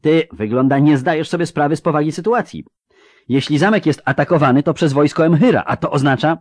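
A man's voice: fairly high pitch, brisk, no room sound, studio quality, pitched above the performer's own voice, close to an everyday voice. A man voicing a cold, menacing male sorcerer who threatens and gives orders. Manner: commanding, threatening.

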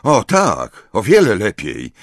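A man's voice: fairly low pitch, huge pitch swings, slow, no room sound, studio quality, heavily acted. A man voicing a shaken, stubborn teenage boy wizard who sounds breathless and defensive.

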